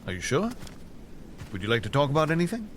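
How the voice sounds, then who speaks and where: Regal, expressive fatherly king. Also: a little high, quick pace, a little hiss or hum. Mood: gentle, regretful. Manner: formal, kindly, regal. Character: noble, fatherly king leading a hunt. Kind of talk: audio drama acting.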